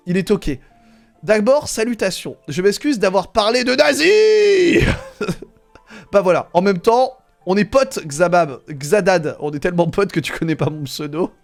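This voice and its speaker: A man streaming live, casually reading and answering his chat, swearing and laughing along. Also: high-pitched. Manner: relaxed, swears, laughs often, talks to chat.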